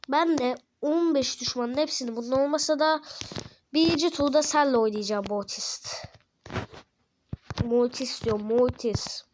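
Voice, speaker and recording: A woman with a high, bright-edged voice giving excited commentary over a match. She eggs on her teammates and trash-talks enemies in a slangy, playful way. A faint hiss sits under her voice. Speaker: gaming channel host.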